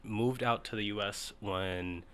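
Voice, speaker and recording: A man's voice: fairly low pitch, steady tone, a little slow, fairly bright tone, clean tone. A man in his twenties, originally from Ethiopia, telling his story as a guest in a casual podcast interview. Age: 20s. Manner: easygoing, storytelling, laughs along. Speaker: guest, startup founder.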